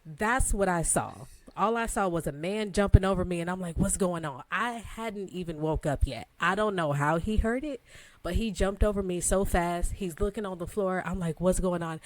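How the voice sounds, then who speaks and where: A woman in her thirties, co-hosting a podcast, telling a story in a casual, animated way with relaxed phrasing and frequent laughter. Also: fairly low pitch, moderate pace, no echo. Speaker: podcast co-host.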